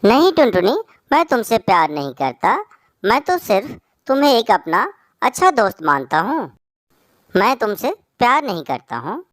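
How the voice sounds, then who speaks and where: A woman's voice: on the high side, big pitch swings, normal speed, no room sound, studio quality. A woman voicing a vain, fickle young male pigeon in a cartoon. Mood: dismissive.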